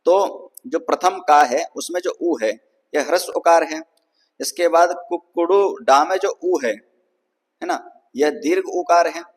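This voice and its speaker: A man's voice: a little high, measured pace, slightly rough, big-room sound, poor audio. A man teaching Sanskrit grammar in a patient lecture, often checking that students follow and drawing out vowels to show their length. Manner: patient, repeats "ठीक है ना" to check understanding. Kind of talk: explanatory lecture.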